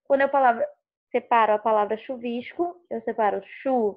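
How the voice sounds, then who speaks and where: A woman teacher from Rio de Janeiro state with a carioca accent, patiently explaining a lesson and repeating words slowly to stress their sounds. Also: fairly high pitch, fairly even intonation, phone-quality sound. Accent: Rio de Janeiro Portuguese. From Rio de Janeiro state, Brazil. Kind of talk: recorded online class.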